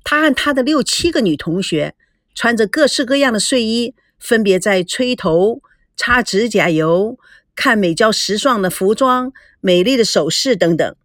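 A woman narrating a storybook in an expressive way, doing the voices of the characters herself. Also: on the high side, moderate pace, no room sound, studio quality. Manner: expressive, acts out all the voices.

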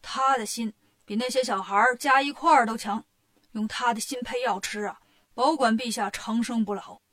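A woman's voice: a little high, moderate pace, fairly bright tone. A woman voicing a sly old male Taoist who is secretly a demon in a storybook, speaking in a sneering, scheming way.

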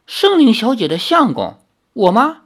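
A young male hero, as a reader puts him on, asks blunt, puzzled questions. His pitch rises and swings a great deal. It is a storybook reading. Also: big pitch swings, normal speed, fairly bright tone. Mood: questioning. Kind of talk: audiobook reading.

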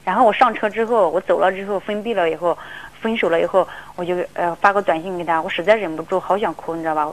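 A woman's voice: on the low side, steady tone, fast talker, low-quality recording. A woman calling an advice radio show, telling her story in a rambling, emotional way and often repeating herself. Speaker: caller.

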